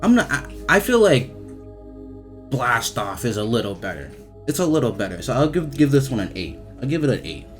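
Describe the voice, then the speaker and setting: This man, medium in pitch and very animated, riffs casually on game voice lines as he reviews them. He talks in a stop-start, repetitive, slang-heavy way and swears now and then, with faint music behind him.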